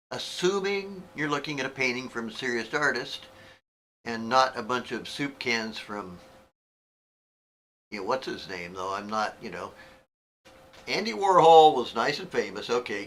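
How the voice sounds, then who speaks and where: A man's voice: medium pitch, a bit bright, a little hiss or hum, low-quality recording. A man chatting casually on a livestream, rambling through his opinions and then apologizing for them.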